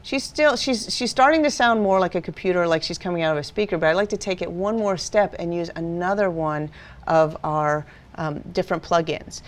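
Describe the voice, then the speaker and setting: A woman with a lower-pitched voice walks through a software tutorial one step at a time. She explains patiently and plainly, like a teacher guiding a class. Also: fairly quick. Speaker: video editing instructor. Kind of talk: screen-recorded software tutorial.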